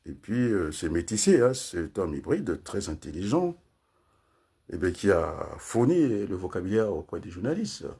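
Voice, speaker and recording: Older man, husky, lively pitch, rambling talk with lots of tag questions. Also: normal speed. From Congo. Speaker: political commentator. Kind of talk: casual political talk.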